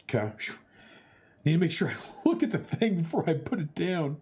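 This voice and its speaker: His pitch fairly high and swooping wildly, a young man with a darkish tone chats at a moderate pace on his charity livestream. He talks his chat through a chopsticks challenge, narrating every step with playful exclamations.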